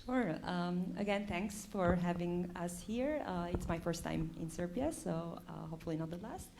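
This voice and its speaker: A woman's voice: lowish voice, normal speed, creaky, background noise. A woman in her forties from Albania, a researcher speaking on a panel, hesitant with many fillers. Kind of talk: panel discussion.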